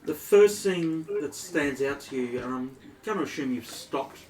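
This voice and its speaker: A man's voice: on the high side, animated, moderate pace. Australian man narrating a tabletop game. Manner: descriptive, many ums. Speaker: dungeon master. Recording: echoey room, distant mic, faint noise.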